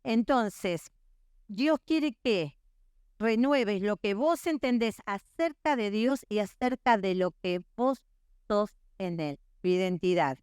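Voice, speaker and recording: A woman's voice: medium pitch, animated, takes it slowly, darkish tone, clean tone, no room sound, studio quality. A middle-aged woman, preaching earnestly at a women's conference and often checking in with her listeners. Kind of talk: sermon.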